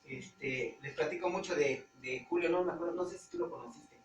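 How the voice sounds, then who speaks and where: A man with a Mexican accent, a pastor preaching conversationally to his congregation, often pausing and searching for words. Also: on the high side, muffled recording, faint music behind. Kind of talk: informal Bible-study preaching. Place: church hall. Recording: roomy church hall, distant mic, faint hum.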